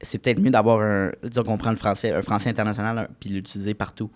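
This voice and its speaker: A man's voice: fairly low pitch, level tone, fast talker. A man with a Québécois French accent who hosts a podcast interview, chatty and full of fillers. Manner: chatty, many fillers and restarts. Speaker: podcast host.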